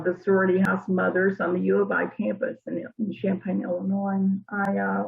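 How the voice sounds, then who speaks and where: Gravelly woman on a tinny line. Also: medium pitch. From Arkansas. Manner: thoughtful, unhurried storytelling. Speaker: interviewee, church member. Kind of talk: casual storytelling interview.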